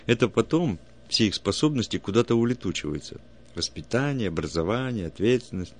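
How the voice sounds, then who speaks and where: Eager low-voiced alien curator read by a man, emphatic, storybook. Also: animated, a little fast. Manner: emphatic, lecturing. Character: excited male alien project curator.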